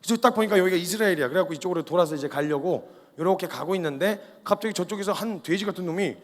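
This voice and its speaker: Casting: a high-voiced male preacher, animated storyteller, recorded in a large hall with long reverb. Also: rapid-fire. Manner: animated storytelling, colloquial, acts out dialogue. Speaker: missionary preacher at a youth camp. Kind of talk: lively revival sermon.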